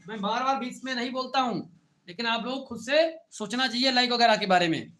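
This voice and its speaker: A man's voice: very high voice, pushed and bright. A man teaching an agriculture class online, talking informally and repeatedly asking his students short check questions. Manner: repetitive call-and-response questioning; informal, addresses students directly.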